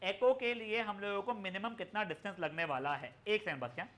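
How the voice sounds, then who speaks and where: A man's voice: high-pitched, fairly quick, background noise. A young man teaching a physics class online, explaining in chatty mixed Hindi and English and addressing students affectionately. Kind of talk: live online class lecture.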